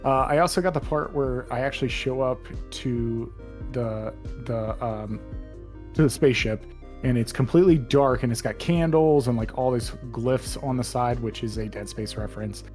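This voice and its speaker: Young man, casual chat, rambling, mid-pitched voice, faint music behind. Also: moderate pace, a little mellow. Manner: rambling, retells scenes with put-on voices and laughs. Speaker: co-host.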